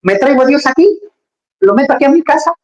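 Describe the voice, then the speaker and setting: A preacher giving a lively sermon, full of conversational asides, jokes and rhetorical questions to the congregation. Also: high voice, fast talker, muffled recording.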